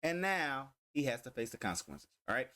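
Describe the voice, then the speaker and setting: A man's voice: medium pitch, very animated, fairly quick, pushed and bright. A man hosting a reaction video, talking in a loose, slangy, chatty way into a close mic. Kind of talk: casual reaction commentary.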